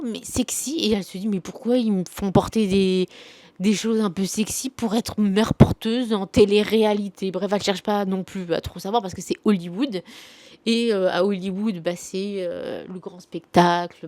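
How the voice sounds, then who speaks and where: A young woman talks casually about her favourite books, rambling and slangy, her sentences full of fillers and restarts. Her voice sits at an ordinary pitch for a woman. The sound is dry and close, with little room echo. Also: darkish tone. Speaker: book vlogger. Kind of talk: casual book review chat.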